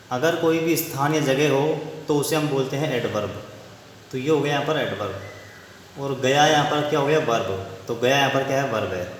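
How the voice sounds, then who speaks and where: Man, grammar teacher, question-and-answer lesson style, slightly high pitch, faint hiss, very echoey room. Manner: repeats question-and-answer prompts, slows to dictate examples.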